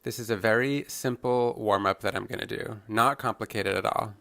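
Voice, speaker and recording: A man's voice: on the low side, moderate pace, vocal fry, pushed and bright. A man voicing a fitness trainer's signing as a live interpretation, giving upbeat coaching and calling out workout instructions.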